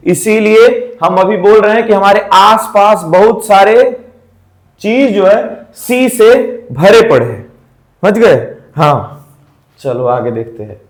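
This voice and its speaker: Guy teaching chemistry class, high voice, asks n answers his own questions, roomy echo. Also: animated, slow. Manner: asks questions and answers them himself, repeating key terms. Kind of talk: classroom-style chemistry lesson. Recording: echoey room.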